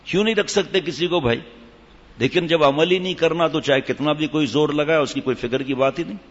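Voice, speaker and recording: A man giving a sermon in a scolding, emphatic way, reciting Arabic verses slowly. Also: on the high side, long reverb tail, muffled recording. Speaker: preacher.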